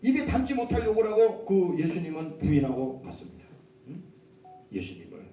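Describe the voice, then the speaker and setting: A man's voice: huge pitch swings, a little fast, warm tone. A male pastor preaching a Sunday sermon, emphatic, peppering his talk with rhetorical questions and acting out quoted speech. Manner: acts out quoted speech in dramatic low voice. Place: church sanctuary. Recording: echoey church from a distance, faint rumble.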